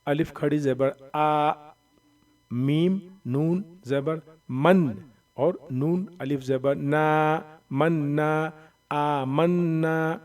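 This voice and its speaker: A man teaching Quran reading, slowly sounding out letters and syllables, drawing out the long vowels, with a voice that cracks when he strains it. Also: on the high side, a little mellow, recorded from a distance, faint music behind. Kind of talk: Noorani Qaida recitation lesson.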